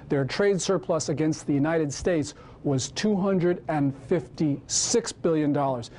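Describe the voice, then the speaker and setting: Impassioned male lecturer, mellow voice. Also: on the high side. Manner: impassioned, emphatic. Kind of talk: public lecture with audience Q&A.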